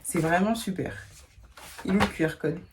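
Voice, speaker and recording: A woman's voice: lowish voice, normal speed, noisy background. A young woman chatting casually in a home vlog from her bedroom, slangy and self-mocking. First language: not English. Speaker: vlogger.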